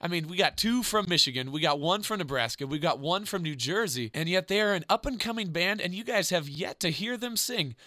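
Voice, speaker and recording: High, bright-voiced male radio host. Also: animated, a little fast, hardly any pauses, no echo, studio quality. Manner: chatty and friendly, casual slang. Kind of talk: upbeat radio interview hosting.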